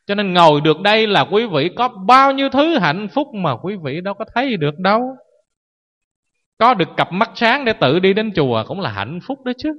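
A man's voice: high voice, big pitch swings, moderate pace. A man, a Buddhist monk giving a sermon, who keeps questioning his listeners and acts out people wailing. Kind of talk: dharma sermon. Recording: echoey hall, dull lo-fi sound.

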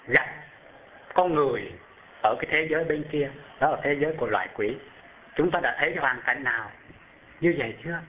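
A man delivers a storytelling sermon in a slightly high voice, quizzing his listeners as he goes and climbing sharply in pitch for emphasis. The recording sounds thin and phone-like. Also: slight background noise. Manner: animated, asks the audience questions, rises high when describing. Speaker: Buddhist preacher telling a story. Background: live audience.

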